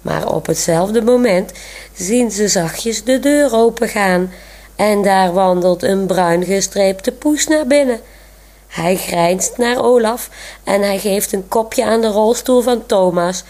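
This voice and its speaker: A woman author reads her own children's book aloud. Her pace is slow and unhurried, her pitch middling, and her delivery gentle and storytelling.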